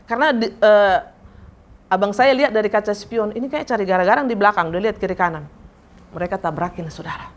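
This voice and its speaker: A woman pastor preaching a sermon in a church service, animated and often putting questions straight to the congregation. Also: mid-range voice, fast.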